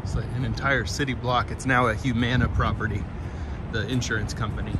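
A man's voice: medium pitch, steady tone, brisk. A man with a Southern twang hosting a live-stream walk outdoors, chatting casually and greeting viewers by name from his phone. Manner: friendly, greets chat viewers by name, chuckles. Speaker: live-stream walking host. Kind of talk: casual live-stream chat while walking. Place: outdoors on a city street. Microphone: phone carried while walking. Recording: loud street noise and traffic.

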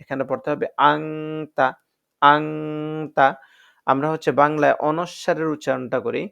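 A man teaching Quran pronunciation step by step. He explains patiently and drills each letter sound slowly, repeating it several times. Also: a little high, fairly even intonation, gravelly, dull audio. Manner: patient, explanatory, addresses viewers as friends.

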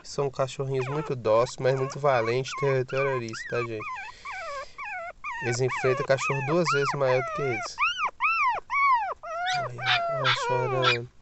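A pet vlogger with a Brazilian Portuguese accent, chatting casually to viewers from inside a car and cooing at the puppies now and then. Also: medium pitch. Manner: chatty, repeats itself, coos at the puppies. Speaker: pet video host. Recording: loud background noise of crying puppies. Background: whimpering puppies.

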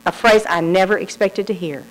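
A woman's voice: medium pitch, normal speed, poor audio. A woman giving a lecture, telling stories and acting out the people in them. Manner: lively storyteller acting out quoted people. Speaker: speaker. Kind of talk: lecture with storytelling.

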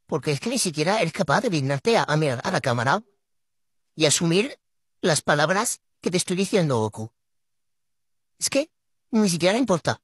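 Through a voice changer filter that swaps the apparent gender, a vlogger scolds their pet to camera in an exasperated, mock-dramatic way. The voice comes out medium-pitched and husky, and the recording is dry with clean studio sound.

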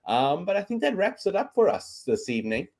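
Speaking from his bedroom via webcam on a video call, this Afrikaans-first South African in his thirties hosts a laid-back sports podcast. He sounds high-pitched, sing-song and fairly quick with a darkish tone, chatting and rambling with lots of ums.

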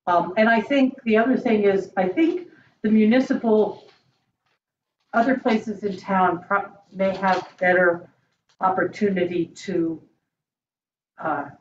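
Halting woman in an echoey meeting room. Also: medium pitch, fairly even intonation. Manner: hesitant, halting, measured explaining. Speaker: library board member. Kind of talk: deliberative meeting discussion. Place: indoor meeting room around a large table. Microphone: far room mic on a video call. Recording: echoey room, distant mic, dull, faint noise.

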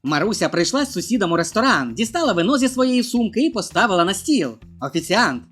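Lively joke-teller over faint music. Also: quick pace, breathy edge. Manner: voices the joke characters with a raised pitch. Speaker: joke narrator. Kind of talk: reading a joke compilation.

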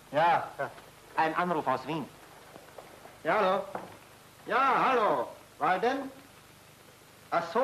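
A breezy bachelor. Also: male voice, high voice, a bit bright, a little hiss or hum, exaggerated voice, rough recording. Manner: breezy, joking. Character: easygoing bachelor man, teasing and carefree. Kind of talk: 1930s film comedy acting.

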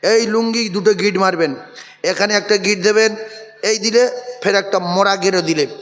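A man delivers a sermon in a high, lively voice. He tells comic stories and urges his listeners to answer him louder. The sound carries a long reverb, as in a large venue. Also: normal speed. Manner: animated, calls on the crowd to repeat loudly. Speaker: Islamic preacher. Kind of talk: Bengali waz sermon.

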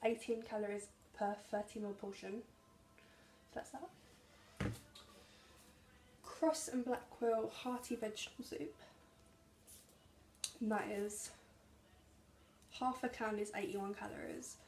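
Young woman, casual vlog delivery, reads labels aloud, slightly gravelly, roomy kitchen with audible noise. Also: mid-range voice, slow pace, long pauses, a little mellow. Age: young adult. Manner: chatty, reading labels and calorie counts. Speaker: vlogger. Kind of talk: casual grocery haul vlog. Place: small home kitchen, indoors. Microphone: camera at arm's length. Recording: echoey kitchen with background noise.

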